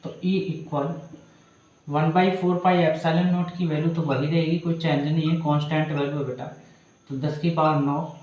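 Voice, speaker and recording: A man's voice: fairly high pitch, flat delivery, moderate pace, darkish tone, lo-fi sound. A man teaching physics, working a problem step by step and calling students "beta". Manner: calls students "beta", walks through each step. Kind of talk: step-by-step problem solving lesson. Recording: very echoey room.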